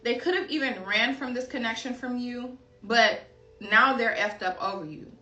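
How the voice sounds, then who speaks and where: A woman's voice: fairly high pitch, normal speed, pushed and bright, dull audio. A woman from Chicago giving a casual tarot reading, chatty and drifting into personal stories while calling her viewers y'all. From Chicago, USA. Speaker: tarot card reader. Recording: echoey room, voice a bit far from the mic.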